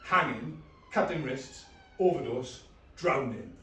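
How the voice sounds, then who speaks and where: A man's voice: on the high side, lively intonation, slow, darkish tone, pitched above the performer's own voice. A man performing a stage monologue as an anguished, panicking young man, in raw, intense short bursts. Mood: mounting dread. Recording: echoey room, far from mic, faint noise.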